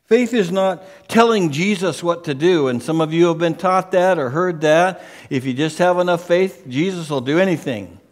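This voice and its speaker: A man's voice: fairly high pitch, moderate pace, few pauses, long reverb tail. A man preaching a sermon as pastor, emphatic and conversational, often repeating his phrases for stress. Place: church sanctuary.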